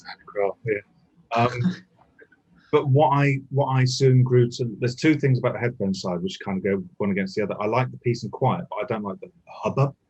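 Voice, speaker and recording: A man in casual conversation, telling lively anecdotes and swearing casually. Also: mid-range voice, moderate pace, husky, dull audio. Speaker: guest. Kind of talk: casual chat. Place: indoors, relaxed group chat.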